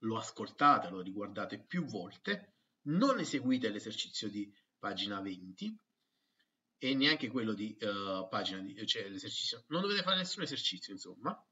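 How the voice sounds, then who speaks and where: Male schoolteacher, bright tone, very animated pitch, unhurried delivery. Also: recorded from a distance, highs cut off. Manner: slow and patient, with lively pitch swings. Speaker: English teacher. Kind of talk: video lesson for middle-school pupils.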